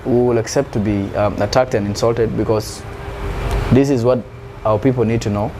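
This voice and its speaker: A man from South Sudan, a musician appearing as a guest, answers interview questions earnestly at a moderate pace in a mid-range voice. He searches for his phrasing, often repeating words, against steady background noise.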